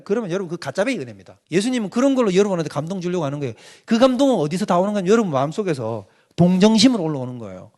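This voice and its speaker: Fast, lively-voiced man preaching. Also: high voice. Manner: asks the audience questions and answers them himself; emphatic, mimics people with sudden loud outbursts. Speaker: pastor lecturing on doctrine. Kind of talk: animated doctrinal lecture.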